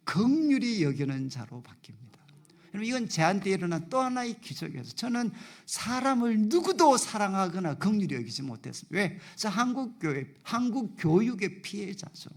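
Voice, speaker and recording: A male pastor preaching a sermon in a church, acting out dialogue with God in a softer voice. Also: high-pitched, moderate pace. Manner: animated preaching, acting out God's voice softly. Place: church sanctuary.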